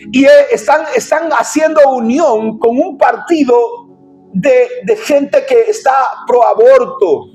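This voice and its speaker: A man, a pastor, preaching a sermon urgently and emphatically, at times breaking into shouts. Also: very high voice.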